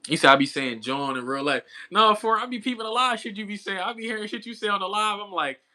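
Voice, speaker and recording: A man in his thirties with a fairly high, sharp voice chats casually with viewers while commentating boxing on a livestream. He sounds laid-back, uses slang, and laughs often.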